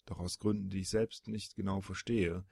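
A man reading a storybook audiobook, voicing a solemn male dragon-born being in a low, gravelly, husky voice with measured, earnest explaining. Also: steady tone, darkish tone, dry recording, clean studio sound, full character voice.

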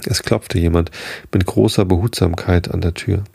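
Deep raspy guy reading a story aloud, flat and dark, dry close mic. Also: moderate pace, no room sound. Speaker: audiobook narrator. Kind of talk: dramatic literary narration.

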